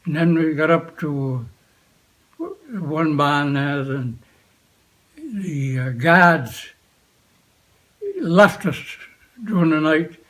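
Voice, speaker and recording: Very slow, halting elderly veteran man remembering. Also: on the high side, a bit bright, low-quality recording. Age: 80s or older. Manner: old veteran remembering, halting short phrases with long pauses. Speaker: war veteran being interviewed. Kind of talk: unscripted reminiscence, recalling the past.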